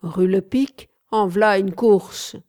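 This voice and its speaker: A surly, grumbling cab driver from a storybook, sarcastic and loud, pitched above the reader's own voice, as a woman puts him on. His lines come out drawn-out and cutting. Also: fairly even intonation. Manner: gruff, sarcastic.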